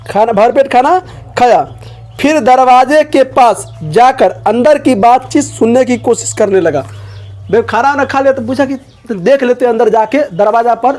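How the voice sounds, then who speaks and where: A man explaining a textbook chapter to students. He repeats lines and keeps asking whether the class has understood. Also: very high voice. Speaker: teacher.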